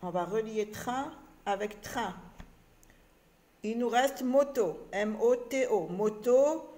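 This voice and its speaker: A woman's voice: on the high side, slow pace, mellow. A woman teaching an early reading lesson, spelling words out letter by letter and stressing syllables.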